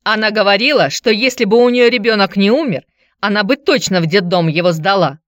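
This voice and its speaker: A woman reading a story, voicing a worn-out, drunken ex-wife who pleads and shouts tearfully. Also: fairly quick, no room sound, clean studio sound, lightly acted. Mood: shrill pleading. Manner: shrill, pleading, tearful outbursts.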